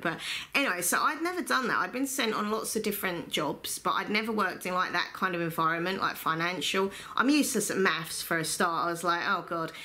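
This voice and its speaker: An English woman with a slightly low, bright voice chats as if sharing gossip. She tells her story casually, wandering through asides and poking fun at herself. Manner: gossipy, rambling, self-deprecating. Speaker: YouTube storyteller and host.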